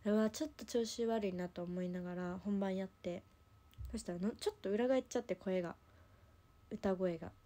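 A woman's voice: medium pitch, fairly quick, dark tone. A young woman with a Kansai accent, chatting casually on a livestream and rambling through a story with lots of fillers. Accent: Kansai Japanese. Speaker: idol livestream host.

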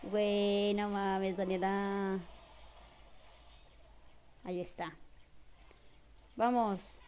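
Excitable Mexican woman streaming a game. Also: fairly high pitch, unhurried, a little hiss or hum. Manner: excitable, bursts into shrieks and laughter, greets viewers warmly. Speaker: live-streamer. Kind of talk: casual live gameplay commentary.

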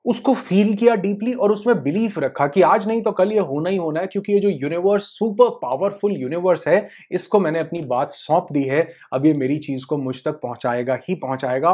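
Male manifestation coach, high voice, emphatic and repetitive, code-switching with English words. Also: a little mellow. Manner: emphatic, repeats phrases for stress; mixes English terms into Hindi. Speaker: law of attraction coach. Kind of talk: motivational talk.

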